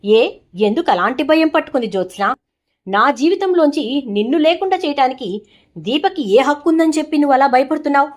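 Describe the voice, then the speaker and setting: A firm, reproachful middle-aged mother, voiced by a woman narrator speaks in a high voice. She scolds in a cutting, emphatic way, a stern storybook parent laying down the truth. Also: animated, a little fast. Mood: scolding.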